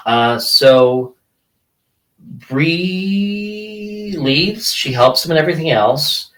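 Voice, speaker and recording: Guy recapping a tv show with his cohost, lively storyteller, sounds a bit away from the mic. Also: very slow. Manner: animated storyteller, jumps in pitch when retelling scenes. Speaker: podcast co-host. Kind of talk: casual recap chat. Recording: distant from the mic.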